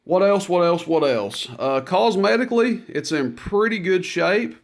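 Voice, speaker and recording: A radio seller demonstrates gear he's selling in a casual product demo, talking in a folksy, plainspoken, unscripted way. His voice is high and creaky with lively intonation, and he speaks a little slowly.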